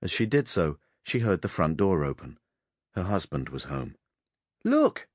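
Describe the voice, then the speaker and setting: A man narrating a crime novel audiobook in a measured, expressive storytelling manner. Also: low voice, no room sound, clean studio sound.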